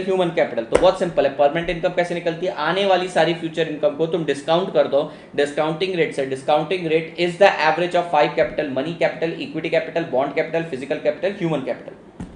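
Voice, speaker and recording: A man delivers a casual economics lecture, slipping English terms into his explanations and calling students "beta". His voice sits a little high for a man. The room is roomy and echoey, with faint background ambience. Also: darkish tone, a little hiss or hum. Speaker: economics teacher. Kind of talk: live online exam-prep lecture.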